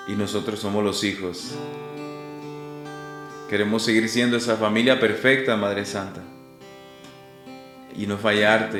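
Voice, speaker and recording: Very slow devotional man over guitar. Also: fairly low pitch. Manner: very slow, devotional, half-sung. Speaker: prayer leader. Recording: roomy with guitar music. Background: guitar music.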